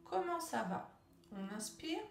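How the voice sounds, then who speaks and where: A woman from France coaching people who stutter, guiding calm breathing and word-stretching exercises in a slow, drawn-out way. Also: very high-pitched, gravelly. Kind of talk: guided speech exercise lesson. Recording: echoey room, voice a bit off-mic.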